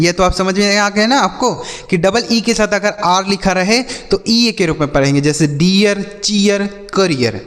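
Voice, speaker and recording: Male teacher with a fairly high voice, echoey. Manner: patient, repeats and quizzes the children. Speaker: English teacher. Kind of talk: classroom-style phonics lesson. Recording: long reverb, hall-like echo.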